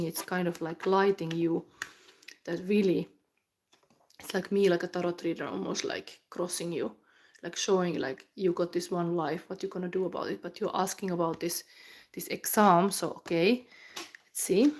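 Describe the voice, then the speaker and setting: A Finnish woman with a Finnish accent, her voice on the low side, gives a live tarot reading while sick with the flu. She rambles and thinks aloud, full of fillers and restarts, and sometimes slips into a whisper as she channels.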